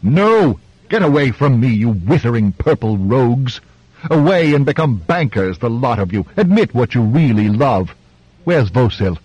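A man's voice: mid-range voice, big pitch swings, normal speed, a little mellow, breathy edge, dry recording, muffled recording. A man voicing an impatient, hot-tempered king who barks brusque orders. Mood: furious.

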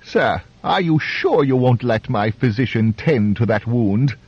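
A man voicing a fussy, stooped male duke with a high, grating voice and flustered exclamations. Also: animated, measured pace, husky, muffled recording. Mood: wheedling.

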